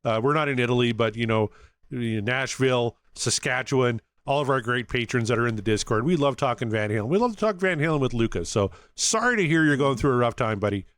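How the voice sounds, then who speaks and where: A man co-hosting a podcast, speaking at an ordinary pitch in a relaxed, friendly way. He addresses listeners with earnest, warm-hearted shout-outs. The sound is dry and close-miked. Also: brisk, clear, resonant tone, no echo. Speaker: podcast co-host. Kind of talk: casual podcast chat.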